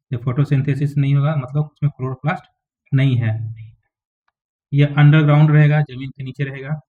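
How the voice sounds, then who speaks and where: Man teaching biology over tinny lo-fi audio. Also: mid-range voice. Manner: explains step by step, often checks with "ठीक है" and "समझ में आ गया?". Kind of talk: classroom lecture explaining diagrams. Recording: tinny phone-like lo-fi recording.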